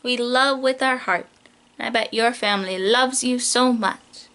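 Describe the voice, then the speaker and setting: A woman teacher reads a picture book aloud to young children, speaking right to them with simple questions and playful emphasis. Her voice is fairly high and her pace measured, and her manner is animated and questioning.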